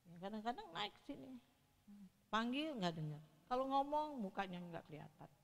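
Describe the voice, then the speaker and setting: A woman's voice: a little high, sing-song, normal speed, creaky. A woman in her sixties preaching a sermon in church, telling stories and asking the congregation questions. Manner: storytelling, asks the congregation questions, acts out quotes. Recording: reverberant hall.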